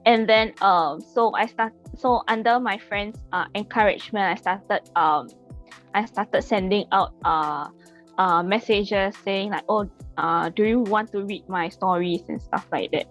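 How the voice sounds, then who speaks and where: A woman's voice: medium pitch, a little slow, soft background music. A woman in her twenties with a Singaporean English accent, a podcast guest in casual chat who laughs often and hesitates with fillers. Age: 20s.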